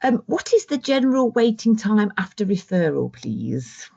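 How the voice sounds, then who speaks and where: A woman's voice: medium pitch, sing-song, normal speed, vocal fry, mellow. A woman hosting an online webinar, reading out audience questions and thanking the speakers. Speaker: webinar host. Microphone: video call. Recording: dull lo-fi call audio.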